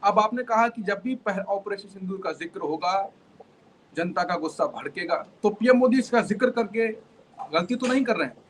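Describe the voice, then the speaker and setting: A man's voice: high voice, moderate pace, fairly bright tone, slight background noise, rough recording. A man hosting an interview, recapping the guest's points and then asking probing questions. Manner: probing, summarizes then asks. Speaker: interviewer host.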